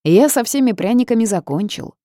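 A woman's voice: lowish voice, lively intonation, normal speed, creaky, dark tone, no room sound, clean studio sound. A woman voicing a timid, fussy male barn spirit who talks meekly and plaintively. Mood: flustered. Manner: meek, flustered, plaintive.

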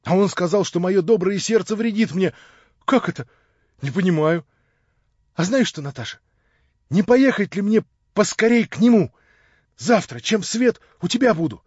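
Eager, gushing young man, voiced by a male reader, husky, bright and loud, dry recording. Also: high voice, expressive, moderate pace, long pauses, no echo, muffled recording, pitched above the performer's own voice. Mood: excited.

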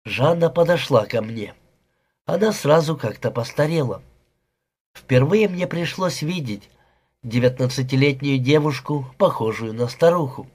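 A male narrator reading a first-person novel aloud at a steady, measured pace. His voice is husky and breathy, sitting at a middling pitch. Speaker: audiobook narrator.

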